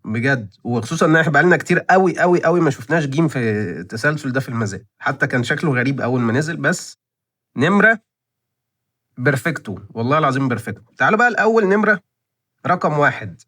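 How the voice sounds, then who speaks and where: A man's voice: mid-range voice, racing, fairly bright tone. A man in his twenties with an Egyptian accent, hosting his own channel and chatting casually to viewers. He rambles and thinks aloud, often repeating himself. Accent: Egyptian Arabic. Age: 20s. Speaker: channel host reviewing license plate auctions.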